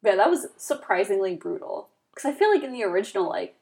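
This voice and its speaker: A woman in a casual movie discussion, talking in a relaxed, conversational way with quick reactions. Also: mid-range voice.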